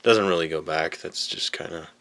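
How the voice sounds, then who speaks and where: A man casually reviewing an action figure, chatty and relaxed, with lots of fillers and a little out of breath. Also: rumbling low, normal speed. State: slightly out of breath. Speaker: toy reviewer. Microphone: camera mic on tripod.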